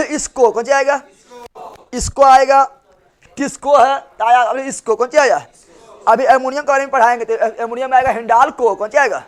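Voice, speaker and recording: A male teacher, giving a classroom lecture and drilling students with repeated questions and answers. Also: very high voice.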